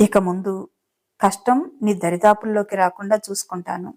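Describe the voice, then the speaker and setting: A woman's voice: mid-range voice, little pitch movement, moderate pace, darkish tone, close to an everyday voice. A woman voicing a rich young man in a romance audiobook, speaking with affectionate, playful coaxing. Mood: tender. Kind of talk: audiobook character reading.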